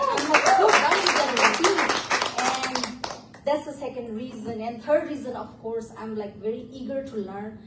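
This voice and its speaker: A woman from Nepal sharing her personal story with a group, animated and rambling with lots of fillers. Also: sits high, a little hiss or hum. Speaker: business meetup attendee sharing her story. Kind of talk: unscripted personal testimonial to a group. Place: indoor meetup room. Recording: echoey room, mic at a distance.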